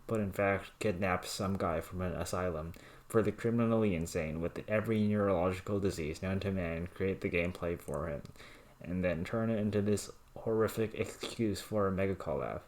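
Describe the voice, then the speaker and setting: A man with a low voice reads written rants aloud. His delivery stays deadpan and monotone, as if reciting plain text.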